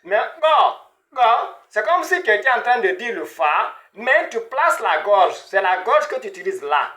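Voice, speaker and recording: Male language teacher, high voice, slow and patient, repeats sounds for beginners. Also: big pitch swings, sharp tone. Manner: repetitive, drills sounds with frequent "hein?" and "voilà". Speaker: Arabic teacher. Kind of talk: beginner pronunciation lesson.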